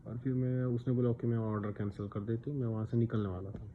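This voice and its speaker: A vlogger in his thirties from India talks fast at a medium pitch with little melodic movement. He tells a personal story in a chatty, casual style, sprinkling English words into his speech. The recording sounds slightly dull, with faint background noise.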